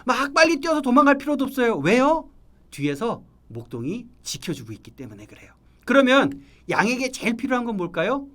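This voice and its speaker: A man preaches to children at a summer Bible school, keeping it lively with questions aimed at the kids. His voice sits high and swings widely in pitch as he acts out the quoted lines. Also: brisk. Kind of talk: children's sermon.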